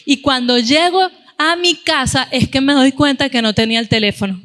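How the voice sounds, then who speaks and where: A middle-aged woman preaching a sermon in a church, telling stories in a lively way and acting out the voices of the people in them. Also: sits high, moderate pace, big-room sound. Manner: animated storytelling, acting out quoted voices.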